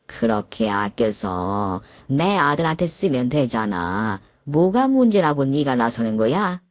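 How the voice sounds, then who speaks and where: A woman voicing a domineering, sharp-tongued older mother-in-law who sneers and drags out her scolding words. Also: very deep voice, very animated, measured pace, dry recording, clean studio sound, pitched below the performer's own voice, heavily acted. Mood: scornful.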